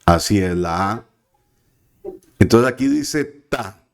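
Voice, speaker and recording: A man teaching a language class, speaking very slowly and patiently. His voice sits a little low, and he often pauses to check that his students follow. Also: expressive. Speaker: biblical Hebrew teacher. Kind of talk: classroom lesson.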